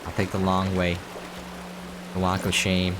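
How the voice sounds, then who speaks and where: Against background noise and game music, a streamer with a low-sitting voice talks a little slowly and completely flat, offering rambling, casual commentary as he thinks aloud through his gameplay.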